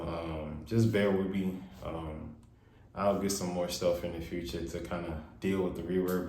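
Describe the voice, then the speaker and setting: A man giving a casual spiritual tarot reading in a loose, rambling way with a naturally monotone voice, his words washed in heavy room reverb. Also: sits low. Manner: loose, rambling, with many fillers. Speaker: tarot reader. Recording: echoey untreated room, faint noise.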